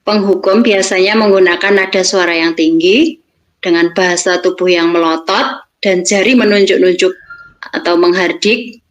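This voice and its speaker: A woman's voice: on the low side, fairly even intonation, moderate pace, dull audio. A woman teacher from Indonesia giving a presentation on classroom practice, explaining steps plainly. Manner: explanatory, acts out teacher and pupil lines.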